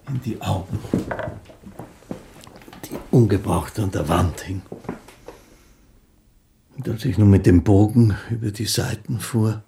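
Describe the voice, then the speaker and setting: For a radio play, an actor portrays a poor, gentle, devout old fiddler looking back on his life. The monologue is halting and reverent, voiced in a fairly low, gravelly tone.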